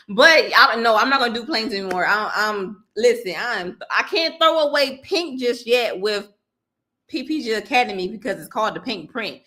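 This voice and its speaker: Bright, chatty woman teaching on a live stream. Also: on the high side, expressive, moderate pace. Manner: chatty, frequent fillers and restarts, addresses viewers directly; laughs easily while talking. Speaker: online instructor hosting a live workshop.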